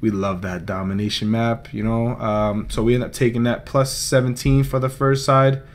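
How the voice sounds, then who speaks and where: A man's voice: mid-range voice, fairly even intonation, normal speed, a little hiss or hum. A young man hosting his own vlog, recapping a gaming tournament in a chatty, rambling, joking way. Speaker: esports player and vlog host.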